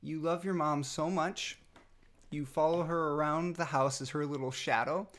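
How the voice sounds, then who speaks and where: A man's voice: fairly high pitch, steady tone, moderate pace, fairly bright tone. A young adult man recording a rambling, affectionate birthday message to his little son a few days after nose surgery. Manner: rambling and affectionate, many fillers and restarts. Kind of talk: casual personal message.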